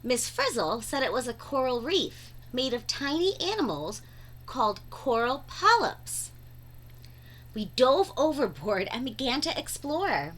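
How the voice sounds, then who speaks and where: A woman with a high, slightly bright voice narrates a children's storybook aloud with expression, drawing out words for dramatic emphasis as a read-aloud narrator.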